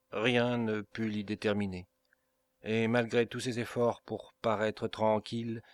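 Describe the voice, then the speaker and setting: A man narrating a classic novel as an audiobook reader, reading slowly and evenly. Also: fairly low pitch, no room sound. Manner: slow, even reading.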